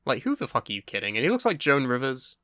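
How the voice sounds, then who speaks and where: A young man co-hosting a casual podcast chat, swearing freely and bursting into excited yelling. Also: mid-range voice, fast, very noisy. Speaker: podcast co-host.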